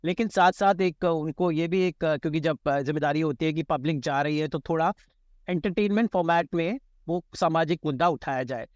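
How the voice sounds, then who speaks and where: A man's voice: on the high side, brisk, no room sound, studio quality. A man interviewing film guests, asking long winding questions with fillers.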